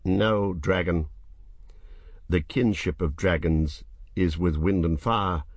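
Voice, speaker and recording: A man's voice: low-pitched, slow, no room sound, full character voice. A man voicing a wary young wizard. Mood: guarded. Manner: terse, guarded answers.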